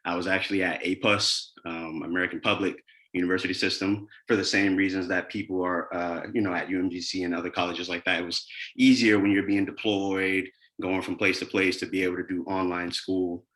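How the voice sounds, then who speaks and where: A man in his twenties introducing himself to a class on a video call, speaking in a steady, orderly and polite way. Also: deep voice, brisk, hardly any pauses. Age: 20s.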